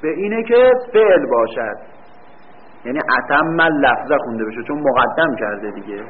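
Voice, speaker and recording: A man teaching a grammar lesson, explaining step by step, asking the class questions and drawing out example words slowly. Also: mid-range voice, lively intonation, slight background noise. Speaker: teacher of Arabic morphology. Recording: tinny phone-like recording.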